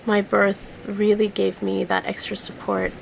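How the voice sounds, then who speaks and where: Lady presenter introducing a recording, lowish gravelly fry in her voice, noisy background. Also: monotone, unhurried. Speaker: birth program presenter. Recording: clear background ambient noise.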